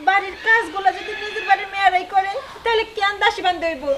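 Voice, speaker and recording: A worn-out young wife pleads in a very high, plaintive voice, close to tears and unwell. A faint hiss sits under her lines in this village family drama. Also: fast, fairly bright tone, some chatter behind. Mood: pleading. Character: put-upon young wife, pleading and tired.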